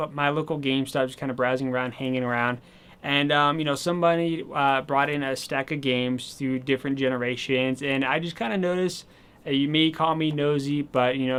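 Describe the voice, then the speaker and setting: A gaming channel host rambles chattily through a casual video game haul vlog, full of fillers. His voice is on the high side and a bit bright, though slightly hoarse, as if he is losing it.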